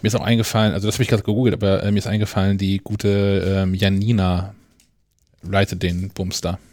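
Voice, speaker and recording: A co-host with a fairly low voice chats easily about tech. He hesitates and restarts his sentences often. His voice sounds dry and close. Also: little pitch movement, quick pace, a little mellow, no echo. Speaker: podcast co-host. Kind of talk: casual tech podcast chat.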